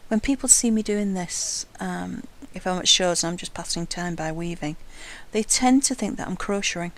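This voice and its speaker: A woman teaches a wire-weaving craft while she works, her voice a little low and gravelly. She talks in a calm, careful way, often dropping to near-whispers as she concentrates. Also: moderate pace, poor audio. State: has hiccups. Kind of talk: hands-on craft tutorial narration.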